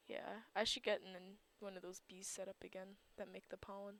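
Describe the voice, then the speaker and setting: Groggy woman with a gravelly morning voice. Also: medium pitch, little pitch movement, moderate pace, fairly bright tone. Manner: rambling, thinks aloud with frequent fillers. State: groggy just-woke-up morning voice. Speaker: server owner and gameplay commentator. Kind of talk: casual gameplay commentary.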